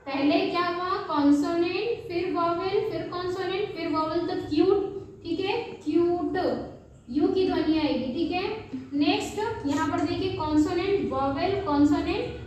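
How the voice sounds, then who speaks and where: A woman, teaching a phonics lesson for beginners. She spells out letters slowly and asks and answers her own questions. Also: extremely high pitch, darkish tone, lo-fi sound. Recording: very echoey room, voice from far off, faint background hum.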